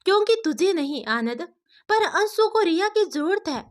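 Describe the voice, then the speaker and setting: A woman's voice: extremely high pitch, big pitch swings, moderate pace, voice pushed up. A woman voicing a firm, worried older mother who presses her son to listen. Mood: pressing. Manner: firm, persuading.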